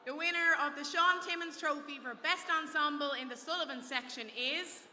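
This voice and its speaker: A woman presenting awards, reading out nominees with a clear announcing delivery. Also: sits high, fairly quick, sharp tone, a little hiss or hum.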